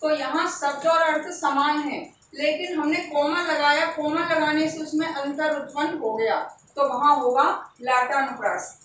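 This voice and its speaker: A woman teacher giving an exam-prep grammar lesson, slowly working through examples and repeating them. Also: high-pitched, fairly even intonation, a bit bright, heavy reverb, far from the mic, a little hiss or hum, low-quality recording. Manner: slow, repetitive explanation of examples.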